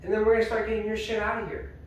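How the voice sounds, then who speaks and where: Angry, foul-mouthed man arguing at home; fairly high voice, captured from across a very echoey room. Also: flat delivery, racing, slight background noise. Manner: angry, swearing, shifts between yelling and low muttering. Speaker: partner in a domestic argument. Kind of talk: heated argument. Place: house, indoors. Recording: echoey room, voice far from the mic.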